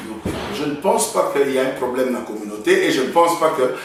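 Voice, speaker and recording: A man with a Congolese accent, a pastor answering an interviewer in a measured, reassuring way. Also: medium pitch, animated, far from the mic, background noise. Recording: echoey, mic held off.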